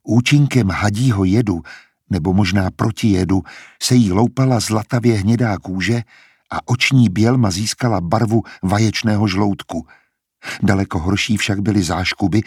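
Husky, low-voiced male audiobook narrator, measured, dry close recording. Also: no echo. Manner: calm, measured storytelling. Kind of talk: scripted narration.

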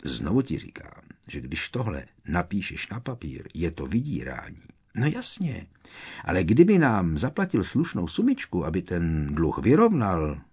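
A man's voice: sits low, wildly swooping pitch, a little mellow, husky, heavily acted. A man reading aloud, voicing a worried teenage boy wizard who speaks urgently and with emphasis.

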